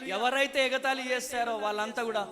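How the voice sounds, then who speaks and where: High-voiced fiery pastor. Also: male voice, fairly even intonation, brisk. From Telangana, India. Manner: exhorting, demands "amen" and clapping from the crowd. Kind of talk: fiery revival sermon with call-and-response. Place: large hall at a revival meeting. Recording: echoey hall with music behind.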